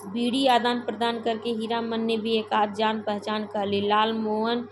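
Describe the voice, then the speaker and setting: A woman teacher reading a Hindi short story aloud for a literature class, steady, with small slips and restarts. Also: a little high, measured pace, noisy background.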